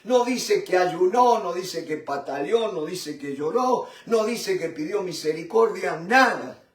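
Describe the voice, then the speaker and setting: High-pitched preacher guy, fervent bible study, echoey room heard from far off. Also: animated. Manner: fervent, repeats "mi hermano" and "¿no es cierto?"; halting with restarts, swells and drops in loudness. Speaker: Bible teacher. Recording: roomy echo from a distant mic.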